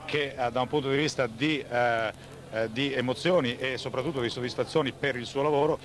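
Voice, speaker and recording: A man working as a radio football interviewer, asking wordy, measured questions with some hesitation. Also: mid-range voice, fairly even intonation. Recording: 1980s radio recording.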